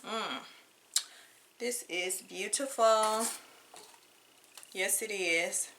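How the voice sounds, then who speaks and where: Chatty woman drawling bright wig praise. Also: medium pitch, very slow, a little hiss or hum. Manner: chatty, drawls praise, calls viewers honey. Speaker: wig reviewer. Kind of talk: casual product review vlog. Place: home room with wigs on floor.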